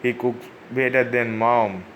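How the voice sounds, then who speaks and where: A man voicing a shy young girl who is a ninja student, read out haltingly. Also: mid-range voice, steady tone, fairly bright tone, a little hiss or hum, lightly acted, low-quality recording. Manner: halting read-aloud delivery.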